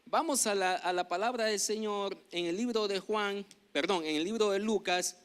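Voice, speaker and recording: A man with a Nicaraguan Spanish accent, a pastor preaching a sermon, growing loud when he reads scripture and joking with the congregation. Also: high-pitched, moderate pace, clear, resonant tone.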